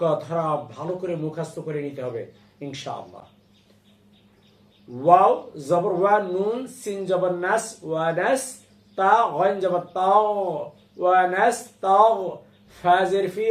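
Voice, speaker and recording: A man's voice: high voice, echoey room. A man with a Bangladeshi accent teaching Quran recitation, patiently spelling out Arabic words letter by letter and repeating each syllable.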